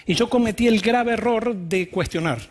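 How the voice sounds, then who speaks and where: Husky high-voiced pastor. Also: male voice, moderate pace. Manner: candid personal storytelling. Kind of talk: sermon.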